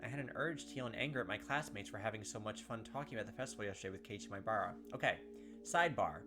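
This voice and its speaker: Rapid-fire and on the low side, a man's voice narrates a let's-play, swapping between reading the visual novel's text and reacting with animated puzzlement, speculation, and character mimicry. Background game music plays throughout.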